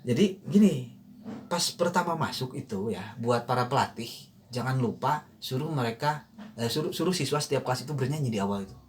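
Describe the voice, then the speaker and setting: A man's voice: mid-range voice, animated, a little fast, slight background noise. A man coaching choir in a casual online lesson, thinking aloud with many fillers and briefly singing short lines to demonstrate.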